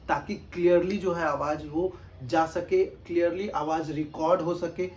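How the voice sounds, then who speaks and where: A man's voice: on the high side, darkish tone, a little hiss or hum. A man giving spoken test tips to camera in a casual tutorial, talking in a raised, projected voice and checking in often as he repeats his points. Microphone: camera mic.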